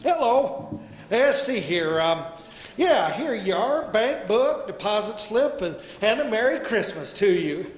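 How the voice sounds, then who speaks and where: A man acting a forgetful, kindly old uncle in a stage radio play, with a stammering, scattered manner and a high, wavering voice. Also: big pitch swings, a little slow. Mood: cheerfully absent-minded. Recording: echoey hall, noisy and distant-sounding.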